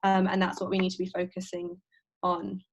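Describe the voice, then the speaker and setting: A woman's voice: fairly low pitch, monotone, normal speed. A woman speaking on a panel over a video call, reflective and searching for words, with many fillers.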